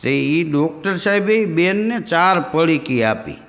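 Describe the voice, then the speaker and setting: Man, Kathiawadi Gujarati accent, stand-up comic, high voice, long hall reverb. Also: lively intonation, vocal fry, fairly bright tone. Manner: folksy storytelling, jumps into quick character voices. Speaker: comedian. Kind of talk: stand-up joke telling.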